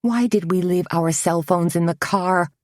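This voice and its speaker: A woman voicing Tony, a wisecracking middle-aged woman friend in an audiobook mystery, playful and quick. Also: lowish voice, dry recording, studio quality, voice pushed up, close to an everyday voice. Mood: fuming. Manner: wry, exasperated, fiery. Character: feisty middle-aged woman caught in a jam, joking.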